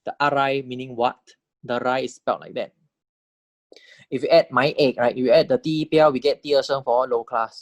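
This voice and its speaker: A man's voice: medium pitch, steady tone, takes it slowly, no room sound, dull audio. A man teaching Thai vowels and tones in English, who says each word several times and keeps checking with "okay?". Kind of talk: recorded language lecture.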